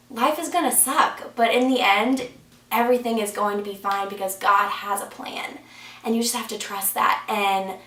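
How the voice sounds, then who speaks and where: A woman's voice: medium pitch, pushed and bright. A young woman sharing a personal faith testimony in an earnest, conversational way, with plenty of "like" and "um". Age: young adult. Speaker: church member sharing her testimony. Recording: roomy sound from a distance.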